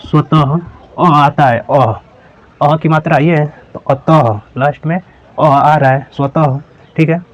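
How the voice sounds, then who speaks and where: A man teaching a slow, step-by-step lesson, patiently repeating each syllable and checking that viewers follow. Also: a little high, fairly even intonation. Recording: dull lo-fi sound.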